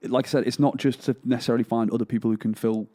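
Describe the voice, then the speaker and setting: British man calmly explaining plans. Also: medium pitch, very fast. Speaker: podcast co-host, musician. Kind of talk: casual chat.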